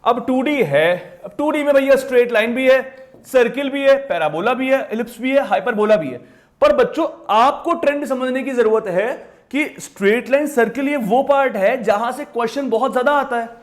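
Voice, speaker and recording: Very high-voiced man teaching maths. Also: normal speed. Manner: emphatic, repetitive, addresses students directly. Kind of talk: exam-prep lesson.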